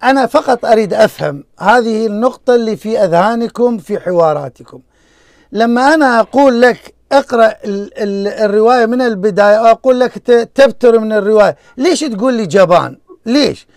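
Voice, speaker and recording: A man hosting a call-in debate, pleading and repeating himself to calm a heated guest. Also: high voice, fast talker, no room sound, studio quality. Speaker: debate show host.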